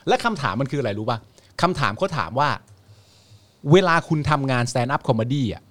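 A man's voice: mid-range voice, animated, moderate pace, fairly bright tone. A middle-aged man co-hosting a casual political chat show, sarcastic and crude, telling stories. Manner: sarcastic, crude joking, storytelling. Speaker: co-host.

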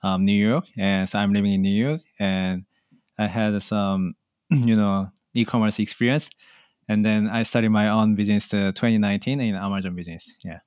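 Guest: Korean-accented man, halting and hesitant, low smooth voice, dry sound. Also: fairly even intonation, darkish tone, dry recording. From South Korea. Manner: halting, simple phrasing with many fillers. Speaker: podcast guest, online seller. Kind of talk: casual interview chat.

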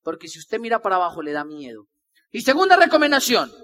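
A man giving an animated, repetitive motivational talk to a crowd, acting out the people he quotes. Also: high voice, quick pace. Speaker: motivational speaker. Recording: live talk with long hall reverb.

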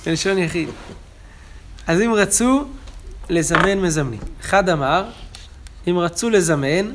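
A man's voice: high voice, slight background noise. Man teaching a Talmud page. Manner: explains texts, chanting quotations louder. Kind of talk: daily Talmud class.

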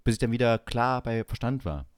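This young man co-hosts a podcast and spins a lengthy personal tale in relaxed chat, playing each character's lines with lively energy. His mid-range voice moves fairly quickly and sounds smooth, captured in studio quality with no echo.

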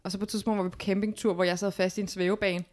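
A woman, co-hosting a comedy podcast over a video call and telling anecdotes in an animated, joking way. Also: mid-range voice, slight background noise. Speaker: podcast co-host. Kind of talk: casual joking chat.

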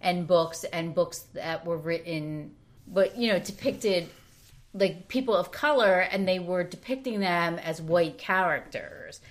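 A woman's voice: on the low side, unhurried. A woman co-hosting a podcast, discussing a novel casually and hedging often with "sort of". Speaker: podcast co-host.

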